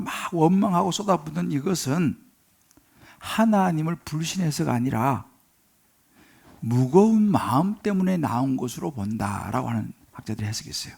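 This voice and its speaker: A man's voice: fairly high pitch, creaky, a little mellow. A male pastor preaching a sermon, dramatically acting out pleading prayers and dropping to whispers for emphasis. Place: church sanctuary.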